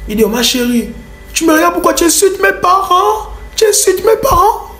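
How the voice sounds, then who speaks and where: A man doing the voice of an aggressive young street bandit who shouts accusations, in a comic story. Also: sing-song, normal speed, roomy sound, faint music behind, full character voice. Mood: accusing. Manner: shouting accusations, high-pitched.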